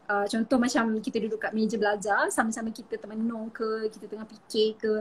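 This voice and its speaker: A woman's voice: fairly high pitch, level tone, brisk, slightly rough. A Malaysian woman explaining things in a casual live interview, chatty and full of fillers, mixing in English words.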